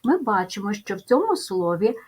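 A woman teacher giving a slow, clearly dictated spelling lesson for first graders, spelling out sounds and letters. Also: medium pitch, sing-song, a little mellow. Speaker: primary school teacher.

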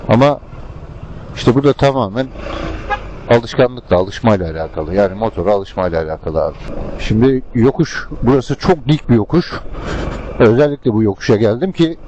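Mellow man talking inside a motorcycle helmet. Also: medium pitch, animated, normal speed. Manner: rambling, colloquial. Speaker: motovlogger. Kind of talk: casual riding commentary to viewers. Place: inside a helmet, riding a scooter in city traffic. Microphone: helmet-mounted microphone. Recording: muffled helmet mic, loud engine and road noise. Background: vehicle and traffic noise.

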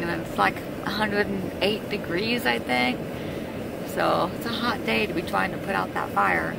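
A woman's voice: medium pitch, creaky. A middle-aged woman chatting casually as she films her travels, laughing often and speaking unhurriedly. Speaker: vlogger filming her travels. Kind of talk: casual vlog narration. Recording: noisy phone audio with traffic and air conditioning.

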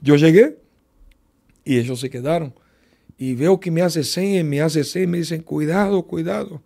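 A man, a pastor, telling a testimony as a radio guest, unhurried, with many fillers and repetitions. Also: a little high, mellow.

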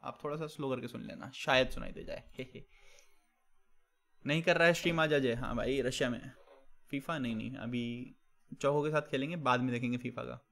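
A man's voice: mid-range voice, fairly quick, vocal fry, a bit bright. A young man live-streaming, reading out viewer chat with teasing banter and tossing in English catchphrases. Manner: mixes English catchphrases into Hindi. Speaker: game streamer.

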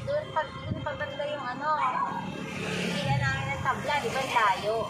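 Isang babaeng vlogger mula sa Pilipinas, nakikipagkuwentuhan sa labas habang naka-face mask, madalas naghahanap ng salita. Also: female voice, sits high, normal speed, loud music behind the voice. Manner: chatty, searching for words with fillers. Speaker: vlogger co-host. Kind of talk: casual vlog chat. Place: outdoors on a quiet side street.

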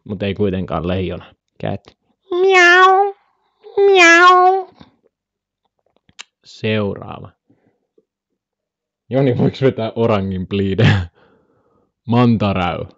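Low-voiced joking young streamer. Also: male voice, vocal fry, pauses often, darkish tone, dull audio. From Finland. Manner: joking, rambling, imitates animal sounds. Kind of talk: casual live-stream chat.

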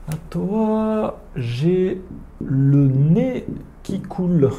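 A man teaching French phrases in an online lesson, speaking slowly and repeating each word carefully for his learners. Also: sits high, animated, narrow, tinny audio, slight background noise.

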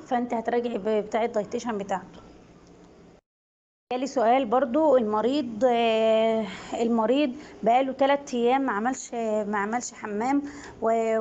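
A woman's voice: fairly high pitch, a little mellow, highs cut off, a little hiss or hum. A woman with an Egyptian Arabic accent, a nursing assistant casually recapping exam questions to viewers, hesitant with many restarts.

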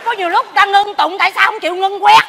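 A woman playing a nosy, pious neighbor in a stage comedy, gossiping with loud exclamations and hushed asides. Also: very high-pitched, fairly even intonation, rapid-fire, some chatter behind, a little hiss or hum, full character voice. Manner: gossipy, exclaims loudly, then drops to a whisper. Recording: stage hall reverb, faint audience.

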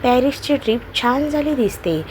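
A woman voicing a kind middle-aged mother who speaks softly. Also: sits high, animated, normal speed, a little hiss or hum, pitched above the performer's own voice. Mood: gentle. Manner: soft-spoken, smiling.

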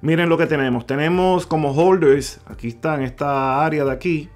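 A man hosting a crypto video, talking viewers through numbers on screen, calling them "mi gente" and repeating figures slowly. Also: on the high side, steady tone, soft background music. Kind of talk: screen-share explainer talk. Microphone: voice-over on screen recording.

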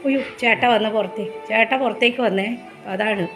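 A woman, narrating a casual home vlog about her pet dog in a hushed voice and switching to sing-song baby talk when she speaks to him. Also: medium pitch, steady tone, brisk, music in the background. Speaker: pet vlogger. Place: at home, indoors.

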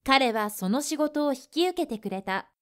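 A woman reading translations of lesson sentences in a brisk, neat manner. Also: high-pitched, animated. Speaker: translation reader.

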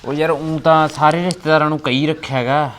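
A man playing an older father who gives slow, fatherly advice, with a rural Punjabi accent. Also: fairly high pitch, steady tone, slight background noise, natural voice. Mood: weary. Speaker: father of a grown son. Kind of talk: family web drama acting.

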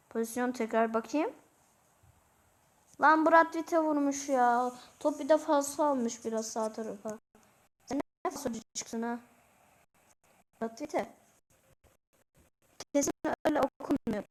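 A teenage girl hosting her own channel, giving casual commentary over a football video game, shouting excitedly at goals and misses. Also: high voice. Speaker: gaming channel host.

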